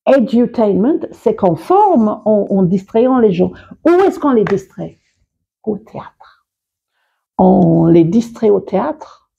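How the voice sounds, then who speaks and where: A woman who is a public speaker and coach talks expressively in an interview, laughing often and restarting sentences. Her mid-range voice is creaky and warm with a breathy edge, and the highs are cut off.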